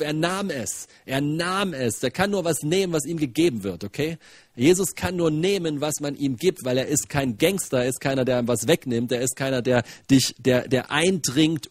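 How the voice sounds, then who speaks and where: Husky-voiced man preaching conversationally. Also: on the high side, no room sound, clean studio sound. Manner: animated, rhetorical questions, colloquial asides. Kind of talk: conversational sermon.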